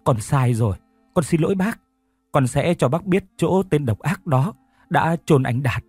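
A man's voice: mid-range voice, lively intonation, normal speed, mellow, slightly rough, no room sound, faint music behind. A man voicing a remorseful, tearful young woman who speaks in a pleading, shaky way.

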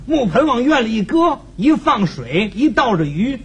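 A crosstalk comedian tells his tale in a lively, chuckling way. His voice sits very high and swoops around, with faint noise behind. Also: moderate pace. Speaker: crosstalk comedian, lead teller. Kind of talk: traditional crosstalk storytelling.

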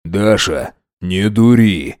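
Male narrator doing a menacing wolf-shifter man, audiobook, slow, growling, threatening. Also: fairly low pitch, lively intonation, a little mellow, voice pushed down. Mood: grim.

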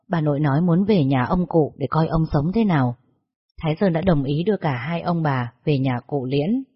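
A narrator reading a story in a steady, measured way. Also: mid-range voice, husky. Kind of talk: scripted storytelling. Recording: dull lo-fi recording.

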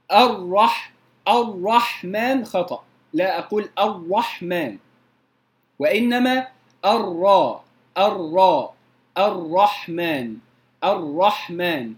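High-pitched man teaching recitation. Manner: explains patiently, repeatedly demonstrating recitation. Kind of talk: tajweed lesson.

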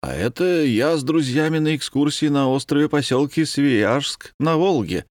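A man's voice: fairly high pitch, lively intonation, moderate pace, darkish tone, no echo, clean studio sound, pitched above the performer's own voice, close to an everyday voice. A man reading a story, voicing a cheerful man of about forty delightedly describing his outing. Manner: delighted, boastful. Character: cheerful forty-year-old man reporting his trip.

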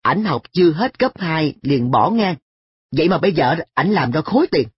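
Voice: mid-range voice, sing-song, moderate pace, slightly rough, no room sound, muffled recording, pitched above the performer's own voice. A reader voicing a carefree, cheeky schoolboy who talks in an offhand, shrugging way in a story reading. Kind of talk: audiobook dialogue.

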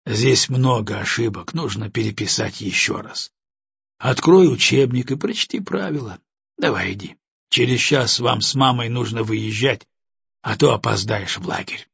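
A stern middle-aged father who lectures coldly and sarcastically, voiced by a man reading a storybook. The voice is gravelly and husky at a middle pitch. The recording is dry and dull-sounding. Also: moderate pace, a bit bright, dry recording, heavily acted. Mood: forced calm. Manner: cold, accusing.

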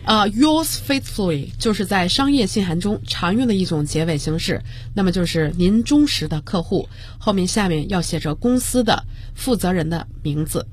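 A woman teaching business English on a radio lesson, explaining slowly and spelling words out letter by letter. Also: on the low side, expressive, husky. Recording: broadcast studio.

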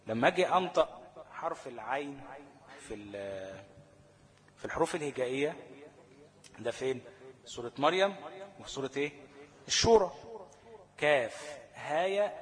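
A man's voice: medium pitch, big-room sound. A man with an Egyptian accent teaching a Quran recitation lesson, asking questions and answering them himself. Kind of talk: Tajweed lesson in colloquial Arabic.

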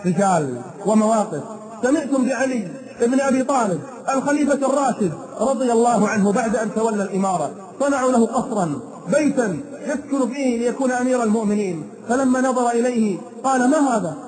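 A man delivers a live sermon in a high voice, telling his stories with dramatic, emotional emphasis. The sound of a gathered crowd is clearly heard around him. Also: expressive, fast, low-quality recording. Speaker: preacher.

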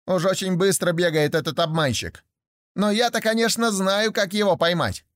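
A sly trickster hare, as a man puts him on for a storybook, speaking in a raised, high voice with smooth, mock-courteous politeness. The recording is close and dry. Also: moderate pace, fairly bright tone, no echo. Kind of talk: storybook reading.

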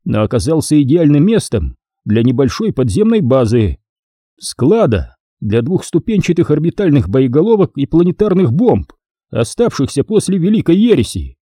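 Narrator voicing a blunt commanding general, dark husky voice, lively delivery, audiobook. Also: male voice, a little high, moderate pace, no echo, studio quality, pitched above the performer's own voice. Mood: stern.

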